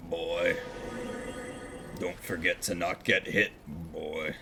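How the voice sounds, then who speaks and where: A man's voice: flat delivery, slow, gravelly, noisy background, heavily acted. A man doing a growling stern warrior dad. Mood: gruff scolding. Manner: low growled, clipped orders. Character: gruff stern warrior father, scolding.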